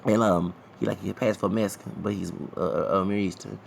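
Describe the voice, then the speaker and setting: A Texas vlogger in his thirties rambles casually to his viewers, drifting off topic and repeating himself often. His lowish, creaky voice holds fairly even intonation at a slightly fast pace, over a little hiss or hum.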